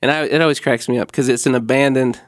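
A male comedian in a casual podcast chat, with a natural quaver in his voice and a deadpan, absurd way of joking. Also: medium pitch, fast talker, no room sound, studio quality. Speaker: comedian guest. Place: home state Pennsylvania.

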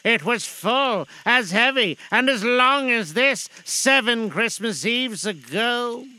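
A man voicing the mournful, chained ghost of a dead old businessman, speaking in a solemn, slow lament. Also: extremely high pitch, lively intonation, sharp tone, clear, resonant tone, pitched above the performer's own voice, exaggerated voice.

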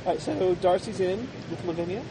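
A woman casually moderating a tabletop role-playing game, asking questions and setting scenes. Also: fairly quick. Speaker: game facilitator. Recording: loud rumbling background noise.

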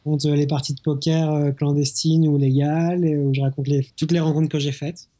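A man's voice: a little high, flat delivery, a little fast, mellow, muffled recording. A man from France speaking as an interview guest over a remote call line, in an easygoing way with many hesitations. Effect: heard over a remote phone or internet call line. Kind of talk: casual interview chat. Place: small hotel in the mountains.

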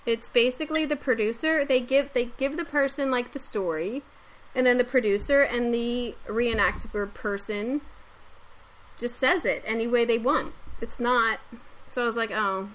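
A woman's voice: on the high side, moderate pace, fairly bright tone. A woman hosting a podcast, chatting casually and often hedging her points. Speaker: podcast host, set decorator.

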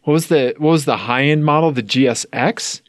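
A man's voice: a little high, brisk, dry recording, studio quality. A man co-hosting a casual podcast, teasing his friend and telling stories with a playful, joking manner. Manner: playful, teasing, storytelling with laughs. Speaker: podcast co-host. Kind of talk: casual chat.

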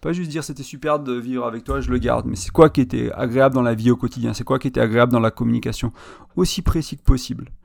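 A man with a heavily gravelly, creaky voice hosts a podcast. He talks to the listener in an informal advice monologue and walks through ideas step by step. His pitch sits in an ordinary middle range. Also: steady tone, fast. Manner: informal, addresses listener directly, explains step by step. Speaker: podcast host.

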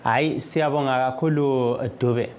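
Male host, Zimbabwean accent, mid-pitched, hesitant live moderating with lots of fillers. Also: fairly even intonation, darkish tone, a little hiss or hum. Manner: hesitant, many long filled pauses. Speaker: radio talk host. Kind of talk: moderating a live call-in discussion.

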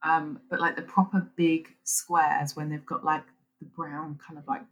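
A British woman in her twenties, croaky from a cold, chatting casually and enthusiastically as a podcast co-host. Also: deep voice, level tone, measured pace, a bit bright, poor audio. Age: 20s. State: croaky from being ill. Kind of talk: casual chat.

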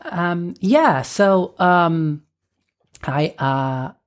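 A woman's voice: on the low side, animated, drawn-out words. A woman in her thirties from Argentina, a podcast guest talking casually and hesitantly, with many fillers and restarts. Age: 30s. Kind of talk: casual conversational interview.

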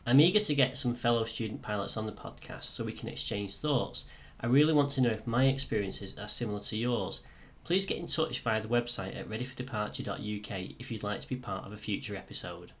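Slightly croaky man, lowish voice. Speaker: podcast host and student pilot. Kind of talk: scripted narration, first-person storytelling.

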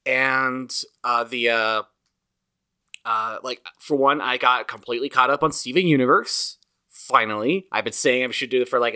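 A man's voice: medium pitch, sharp tone, clear, resonant tone. A man hosting a podcast in casual chat, rambling and repeating himself for emphasis. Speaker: podcast host.

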